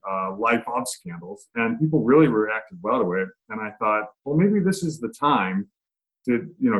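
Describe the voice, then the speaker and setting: A man, an author and reporter, answering interview questions in a relaxed way with frequent fillers. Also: on the low side, low-quality recording.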